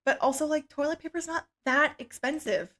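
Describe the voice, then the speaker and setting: A woman co-hosting a casual podcast, reading listener stories aloud and giving relaxed, opinionated takes that often trail off quietly. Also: sits high, moderate pace. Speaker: podcast co-host.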